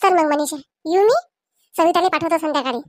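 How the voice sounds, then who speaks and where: A woman acting as a commanding elderly village aunt, speaking in a very high, piercing voice. She talks loudly and takes charge in a homemade comedy skit, recorded dry and close. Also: a little fast, no echo. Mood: brisk.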